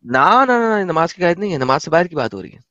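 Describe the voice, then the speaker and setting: A man with a high voice hosts a casual talk, reading a passage aloud and cutting in with sarcastic, mocking remarks. The sound is dull and lo-fi, with a dry, close feel and no room echo. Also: big pitch swings, fairly bright tone. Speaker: host.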